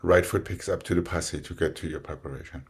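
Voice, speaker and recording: A low-voiced man with a husky grain works as a dance teacher. He counts out ballet combinations in short, rhythmic, directive phrases, naming each step in turn. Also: fairly even intonation, a little fast. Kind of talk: dance instruction, calling out combinations.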